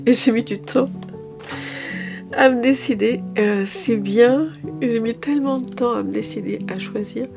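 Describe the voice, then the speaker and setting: A woman's voice: a little high, unhurried, gravelly, over loud music. A woman chatting casually through a shopping haul video, a little tired, hesitant, with many fillers and restarts. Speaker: lifestyle vlogger.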